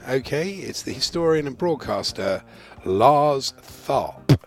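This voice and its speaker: A man reads out quiz clues and scripted punning gags on a casual podcast. His intonation is very lively, with soft music underneath. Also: mid-range voice, slow, gravelly.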